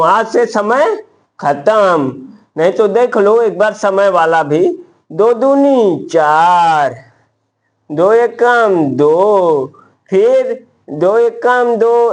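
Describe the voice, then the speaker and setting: A man teaching a maths trick in a casual video lesson, repeating steps slowly and calling his viewers friends. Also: high voice, a little mellow. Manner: slow, repetitive counting, addresses viewers as friends.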